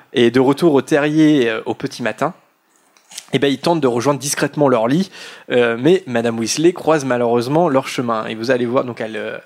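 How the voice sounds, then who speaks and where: A man hosting a podcast in casual chat, talking in a rambling, hesitant way. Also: medium pitch. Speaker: podcast host.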